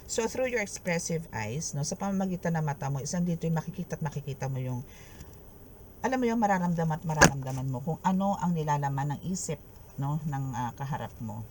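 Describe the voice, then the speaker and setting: A tarot reader, giving a reading in an expressive, chatty way, mixing Tagalog and English and tagging phrases with a questioning "no?". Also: mid-range voice, fast, slight background noise. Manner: mixes Tagalog and English, keeps adding "no?" after phrases; expressive, laughing and exclaiming.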